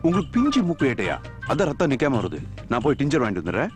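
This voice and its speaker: A man's voice: medium pitch, wildly swooping pitch, rapid-fire, music in the background. A man playing a brash, impatient young police constable in a film comedy, needling his superior. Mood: sly.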